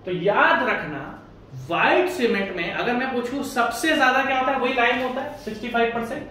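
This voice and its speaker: A man's voice: very high voice, fairly quick, pushed and bright. A man teaching a casual exam-prep lecture, chatty, asking and answering his own questions. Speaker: engineering exam tutor. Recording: echoey room from far off, faint hiss.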